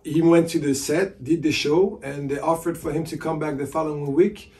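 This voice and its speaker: Forties man, low gravelly tone, casual filler-laden talk, recorded from a distance in a room with soft music underneath. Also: steady tone, moderate pace. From France. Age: 40s. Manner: casual, many fillers like "you know". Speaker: sports agent and basketball analyst. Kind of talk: relaxed interview answers. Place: hotel room by a window.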